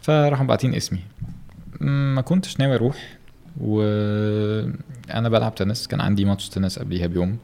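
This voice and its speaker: A man's voice: on the low side, quick pace, gravelly, warm tone. A man with an Egyptian Arabic accent, a podcast guest chatting casually and telling stories in an interview.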